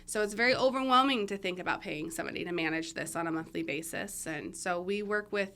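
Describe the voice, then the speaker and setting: Bright-voiced chatty woman. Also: fairly low pitch, quick pace. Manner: chatty, laughs often, lots of fillers. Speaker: marketing agency guest. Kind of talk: casual podcast interview. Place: room, eating during recording. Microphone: podcast mic.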